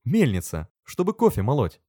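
A brusque young man, cocksure and mocking, who snaps out short lines with lively rises and falls, as a male reader puts him on. His voice is pitched a little above the reader's own. The recording is dry and close up. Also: moderate pace, no room sound. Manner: curt, mocking, matter-of-fact.

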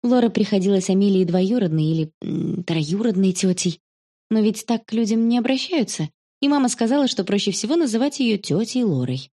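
Woman, audiobook narrator, children's story, calm, even, mellow warm tone. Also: mid-range voice, a little fast.

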